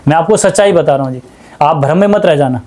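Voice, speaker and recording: A man's voice: fairly high pitch, quick pace, darkish tone. A man working as an ayurvedic practitioner, speaking with emphatic, repetitive insistence in a small clinic. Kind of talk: earnest testimonial talk.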